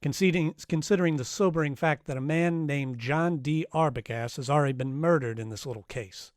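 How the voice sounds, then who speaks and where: Both narrating and acting, a man performs a wisecracking private eye in a live old-time radio detective play, sounding dry and bargaining. His fairly high voice is quick and natural, recorded clean in a studio with no room sound.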